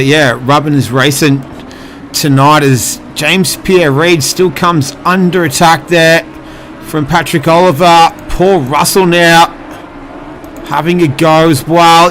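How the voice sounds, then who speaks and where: A man's voice: fairly high pitch, fairly bright tone, slight background noise. A man giving live, casual motorsport commentary in a conversational play-by-play manner.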